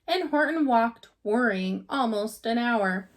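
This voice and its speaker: Teacher lady reading a rhyming kids book out loud, high voice, really animated. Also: slow. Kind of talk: expressive picture-book storytelling in rhyme.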